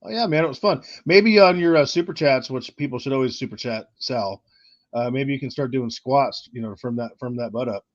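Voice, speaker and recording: A man's voice: mid-range voice, no room sound, muffled recording. A man hosting a casual livestream chat, often repeating words as he gets going. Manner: halting, repeats words when starting. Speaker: channel host.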